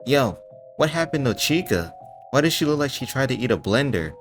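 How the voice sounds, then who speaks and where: A man's voice: low-pitched, normal speed, a bit bright, soft background music. A man voicing a nervous, joking young sidekick who whispers slangy wisecracks.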